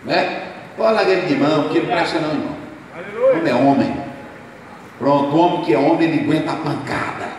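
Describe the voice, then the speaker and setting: A man's voice: a little high, brisk, long pauses, crowd noise. A man with a Brazilian accent preaching a sermon as pastor, telling stories and acting out the dialogue in the voices of different people. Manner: animated storyteller, acts out dialogues. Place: church hall. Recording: echoey hall from far off.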